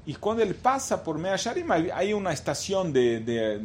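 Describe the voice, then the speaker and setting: A man tells a religious anecdote in a voice a little higher than typical for men. He halts and repeats words as he searches for them. A faint rumble sits under the recording. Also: very animated, normal speed, darkish tone. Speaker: storyteller.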